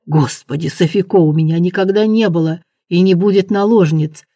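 A reader voicing a passionate young prince who speaks quietly in a low chest baritone. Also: moderate pace, no echo, studio quality, natural voice. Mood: pleading.

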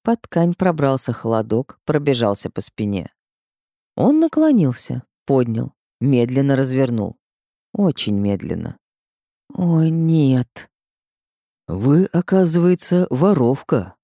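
Woman audiobook narrator, expressive first-person reading, lively pitch, mellow tone, dry close mic. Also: slow pace, no room sound.

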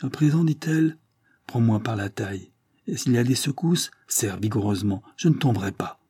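A man's voice: expressive, normal speed, breathy edge, no room sound. A man reading an audiobook, voicing a devoted elderly peasant nursemaid who speaks earnestly and urgently. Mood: commanding. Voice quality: raised pitch, forceful. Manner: earnest and pleading.

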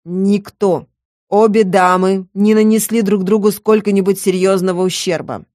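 A woman voicing a stern, commanding male leader who speaks slowly and gruffly. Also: lowish voice, fairly even intonation, darkish tone, no echo, clean studio sound, natural voice. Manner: gruff, slow, authoritative.

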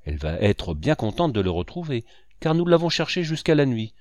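A man voicing a brisk, kindly woman servant in a storybook reading. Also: medium pitch, sing-song, a little mellow, no echo, clean studio sound, lightly acted. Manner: brisk, coaxing.

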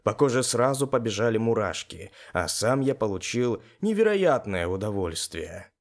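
A man narrating a first-person game-fiction audiobook in an expressive storytelling manner. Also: on the low side, moderate pace.

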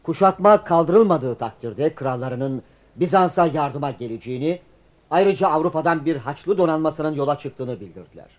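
A man's voice: on the high side, expressive, normal speed, natural voice. An actor playing an obedient court aide in a radio play, reporting formally to his ruler. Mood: deferential. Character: deferential envoy-announcing servant of a sultan.

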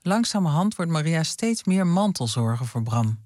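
A man interviewing and narrating for a radio documentary, asking gentle, probing questions. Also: on the high side, sing-song, normal speed, no room sound, clean studio sound.

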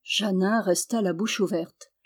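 A woman reading a historical novel aloud as a volunteer audiobook narrator, with steady, expressive storytelling. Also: mid-range voice, a little slow, breathy edge. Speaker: audiobook reader. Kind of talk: literary narration.

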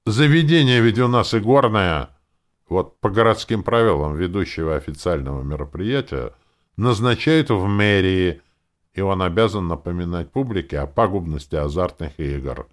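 A man's voice: low-pitched, expressive, moderate pace, voice pushed up. Male reader as sullen female town hall clerk, sweary and glum.

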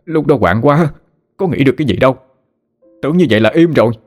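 A man's voice: mid-range voice, expressive, fast, a little mellow, faint music behind, pitched above the performer's own voice, close to an everyday voice. A man voicing a frightened drunken husband who stammers and pleads with his wife. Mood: pleading.

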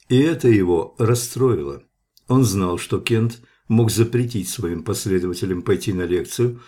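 A man narrating an audiobook in a steady, measured reading. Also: on the low side.

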